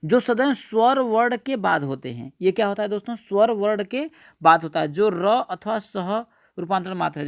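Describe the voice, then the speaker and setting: A man's voice: high-pitched, creaky, dry recording, clean studio sound. A male teacher giving an exam-prep grammar lesson, repeating points and asking his friends rhetorical questions. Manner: repetitive, keeps asking "what is it, friends?".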